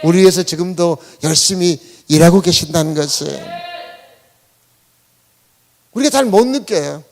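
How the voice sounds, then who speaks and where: A man's voice: fairly high pitch, brisk, gravelly, a little mellow. A man, the senior pastor, preaching a Sunday sermon in a church, talking conversationally and often asking the congregation questions. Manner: conversational preaching, asks the congregation questions, leads them in reading aloud. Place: church sanctuary.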